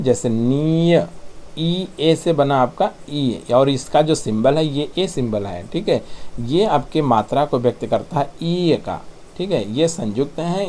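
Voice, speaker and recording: A man, patiently explaining English sounds on slides and repeating them slowly. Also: mid-range voice, darkish tone, slight background noise. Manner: patient, repeats sounds slowly, says "thik hai" often. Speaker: English pronunciation teacher. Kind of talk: tutorial explanation.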